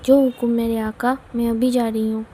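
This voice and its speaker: A woman's voice: fairly high pitch, flat delivery, moderate pace, mellow, slightly rough, rough recording. A woman voicing a playful, affectionate young woman who coaxes and pleads. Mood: drunk pleading. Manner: coaxing and pleading.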